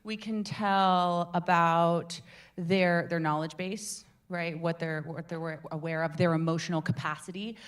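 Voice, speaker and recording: A young woman leads a casual public speaking workshop for a live group in a meeting room, chatty and animated, interrupting herself mid-sentence and asking the room questions. Her voice is on the low side and clean, at a measured pace.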